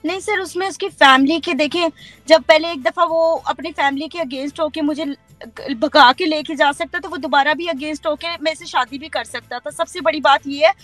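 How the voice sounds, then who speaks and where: A woman's voice: sits high, normal speed, a bit bright, no room sound, faint music behind. A woman in her thirties with a Pakistani Urdu accent, giving an earnest, firm account as an interviewee on a call and mixing in English words.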